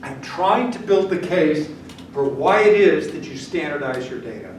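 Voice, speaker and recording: An older man, German by first language, lectures on statistics at a whiteboard in a fairly high, animated voice at a moderate pace. He's casual and blunt, constantly checking in with the class. The audio comes from a camera at the back of the room, so it's distant, echoey, and noisy.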